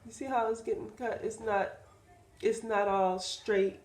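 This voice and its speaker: A woman's voice: fairly high pitch, steady tone, measured pace, a little mellow, faint music behind. Nasal-sounding woman in an echoey room. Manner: chatty, talks to viewers while working. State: stuffy, nasal from sinus trouble. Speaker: wig seller demonstrating a wig install. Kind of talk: casual how-to vlog chat.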